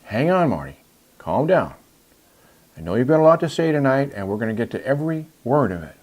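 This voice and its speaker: A man's voice: mid-range voice, big pitch swings, brisk, darkish tone, slight background noise. A man co-hosting a comedy show with showy, mock-serious banter. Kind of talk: comic banter.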